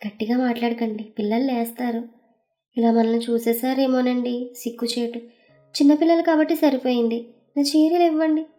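A woman voicing an embarrassed young wife who scolds in an urgent, hushed way. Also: a little high, fairly even intonation, fairly quick, soft background music, lightly acted. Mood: flustered.

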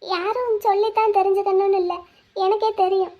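A woman's voice: very high voice, fairly even intonation, a little fast. A woman voicing a poor, proud young woman in a cartoon drama, sad and resolute. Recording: dull lo-fi audio.

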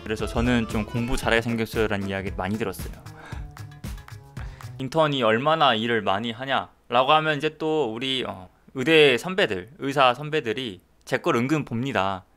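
A man's voice: medium pitch, normal speed, a bit bright, faint music behind. A young man chatting casually on a stream, joking and teasing, acting out quoted voices. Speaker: doctor vlogger streaming. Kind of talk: casual livestream chat.

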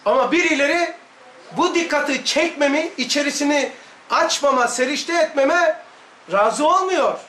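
A man's voice: very high-pitched, moderate pace, pushed and bright, reverberant. A man with a Laz Turkish accent, giving an emphatic religious lesson full of repetition and rhetorical questions. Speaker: religious study teacher.

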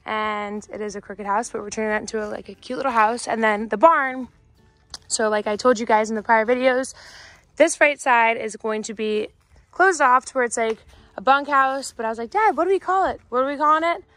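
This twenty-something vlogger chats eagerly to camera while touring her horse farm, holding her phone out at arm's length under a barn roof and in a pasture. She sounds a little high and talks fairly quickly, and there's no echo.

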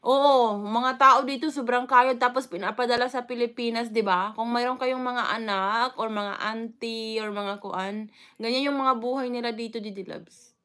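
A chatty Filipino woman hosts a casual live stream, calling out viewers by name between stretches of easygoing talk. Her voice sits high and sounds bright and crisp, and her speech is loose and full of fillers. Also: steady tone, normal speed. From Philippines. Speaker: vlogger greeting live chat viewers.

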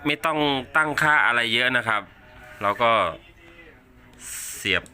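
A man giving a casual hands-on unboxing demonstration, speaking haltingly and repeating words as he handles items. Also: mid-range voice, sharp tone, soft background music. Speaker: unboxing presenter.

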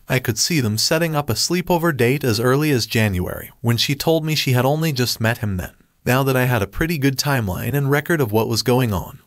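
A man reads a first-person story aloud in a steady, scripted narration, dropping in the odd dry aside. His voice sits at a middle pitch. The recording is close and dry, with no room sound. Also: no room sound.

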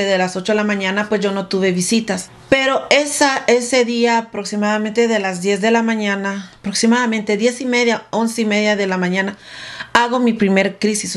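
A woman vlogger in a casual story time, speaking directly to her viewers in an emotional, breathless retelling that often repeats its phrases. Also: medium pitch.

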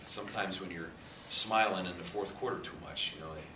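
Coach guy at a press table, low voice, talks punchy, echoey room. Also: fairly quick. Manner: emphatic, repeats words, gestures a lot. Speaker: head football coach. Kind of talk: press conference answers. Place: press room with a sponsor backdrop. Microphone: table mic cluster. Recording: echoey room, faint hiss.

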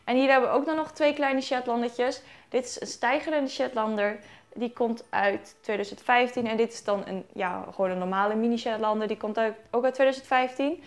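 A woman's voice: a little high, fairly even intonation, fairly quick. A young woman vlogger chatting casually as she unboxes toy horses at home, correcting herself and giggling now and then. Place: at home in sunlight.

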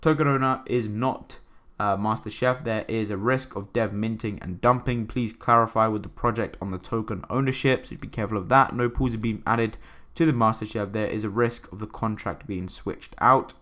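A man with a lowish voice talks through a screen-share review in a casual, rambling way. He restarts sentences and fills pauses with "um" and "right?". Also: bright, forceful tone. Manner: rambling, filler-heavy, repeats "right?". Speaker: crypto channel host.

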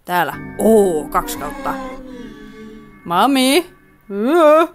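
A young-sounding woman with a Finnish accent plays through a game and comments on it as she goes. She giggles a lot and keeps talking to the character on screen. Her voice sits high and moves up and down in a lively way. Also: faint music behind. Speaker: gaming YouTuber. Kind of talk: let's play commentary.

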